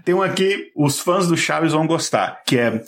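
A man's voice: fairly high pitch, normal speed, fairly bright tone. A man with a Brazilian Portuguese accent, co-hosting a casual chat, explaining things with frequent chuckles, fillers and restarts. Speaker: podcast co-host.

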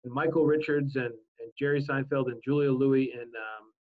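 A man in his forties co-hosting a casual talk show, telling stories in an easygoing way with halting fillers. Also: mid-range voice, fairly even intonation. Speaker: co-host. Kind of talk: casual chat. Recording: dull lo-fi sound.

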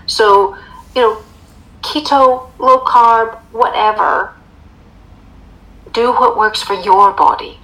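An American woman chatting casually, her voice carrying a noticeable vocal fry. She explains with confident emphasis and throws in rhetorical questions. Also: mid-range voice, slow pace, pauses often, fairly bright tone, low-quality recording. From United States. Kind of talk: casual chat.

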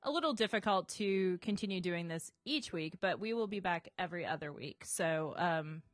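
A woman's voice: on the low side, expressive, moderate pace, dry recording. Woman hosting casually, very dry sound. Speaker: podcast host, bookseller. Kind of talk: casual podcast chat.

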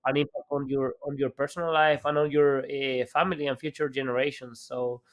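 A man's voice: mid-range voice, little pitch movement, brisk. A man from El Salvador, an entrepreneur guest on a podcast, speaking over a video call with many fillers and restarts. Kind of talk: podcast interview.

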